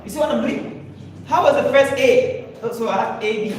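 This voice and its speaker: This public-speaking coach has a very high-pitched voice and talks at normal speed as he demonstrates points and puts questions to his live workshop audience. The recording is noisy and echoey, taken from far off the mic.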